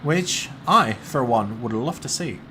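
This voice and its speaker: Joking sim racing commentator. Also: male voice, medium pitch, animated, measured pace, sharp tone, a little hiss or hum. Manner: jokey, swears, laughs between calls. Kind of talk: casual esports race commentary.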